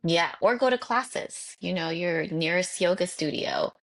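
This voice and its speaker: Woman host, deep voice, affirming and chatty. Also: a little slow, vocal fry. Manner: affirming, with frequent agreeing murmurs. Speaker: podcast host. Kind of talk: interview talk.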